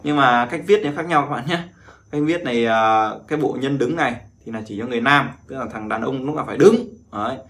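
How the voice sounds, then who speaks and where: A male teacher talks through a vocabulary lesson in a relaxed, chatty way. He drills each word slowly, again and again. His voice is bright and forceful, at an ordinary pitch. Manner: repeats words in drawn-out drills, chatty asides. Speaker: Chinese language teacher.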